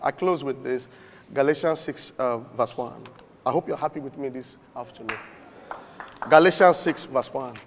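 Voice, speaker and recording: A man preaching a sermon, swinging from shouted points to murmured asides. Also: medium pitch, moderate pace, in a large hall, slight background noise. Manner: emphatic, swings between shouting and murmuring, chuckles often.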